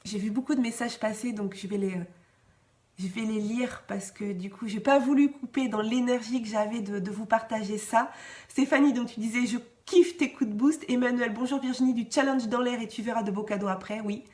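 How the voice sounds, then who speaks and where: A woman's voice: on the high side, a little fast. A woman podcast host chatting casually and encouragingly, reading listener comments with frequent restarts and light laughter. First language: French. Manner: warm encouraging, often laughing; hesitant restarts, varied pace.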